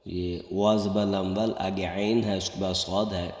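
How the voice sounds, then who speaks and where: A man teaching correct Quran recitation, explaining pronunciation mistakes and then chanting the verses in a high, drawn-out melody. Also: level tone, a little mellow, muffled recording. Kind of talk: slow tajweed lesson with chanted recitation. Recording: echoey room with long reverb.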